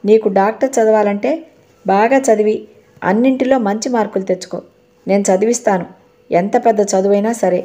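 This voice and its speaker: Gruff scolding uncle, as a woman reads him. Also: medium pitch, steady tone, normal speed, mellow, lightly acted. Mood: firm. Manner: gruff, chiding. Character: stern middle-aged uncle, brusque, scolding.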